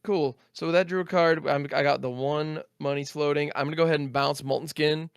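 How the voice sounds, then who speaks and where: A man talking through his turn at a card game, counting out loud and dropping little sound-effect words as he plays. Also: on the high side, steady tone, fairly quick, gravelly, clean tone, no echo, studio quality. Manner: methodical, counts aloud, sound-effect interjections. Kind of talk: casual play-by-play of his own turn.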